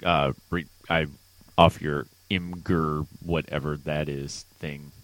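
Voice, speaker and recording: A man co-hosting a casual podcast, an animated storyteller who acts out other people's voices. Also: very deep voice, slow, low-quality recording. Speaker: podcast co-host and hockey broadcaster. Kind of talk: casual chat.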